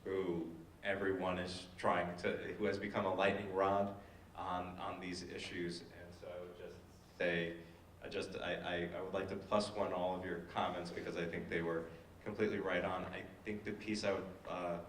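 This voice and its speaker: A man's voice: sits low, level tone, normal speed, a bit bright, far from the mic, slight background noise. A man speaking on a panel discussion, hesitant with many fillers and restarts. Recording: echoey hall, voice from afar.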